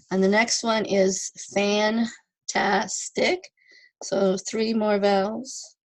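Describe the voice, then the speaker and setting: A woman's voice: medium pitch, poor audio. A woman teaching an online ESL lesson, patiently sounding out words syllable by syllable and repeating them.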